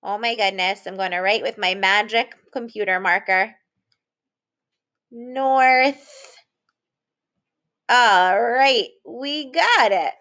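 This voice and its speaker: A woman teaching an early-reading lesson to young children, slow and encouraging, with playful excited gasps. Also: mid-range voice.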